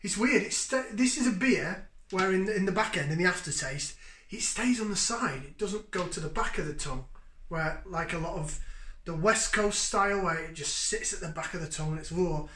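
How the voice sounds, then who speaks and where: Guy in his 30s doing a beer review in his kitchen, high bright voice, bit of room echo. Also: moderate pace, a little hiss or hum. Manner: enthusiastic, savoring, chatty with sniffs and sips. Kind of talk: casual beer tasting review. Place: home kitchen, indoors. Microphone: fixed camera at table distance. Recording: echoey kitchen.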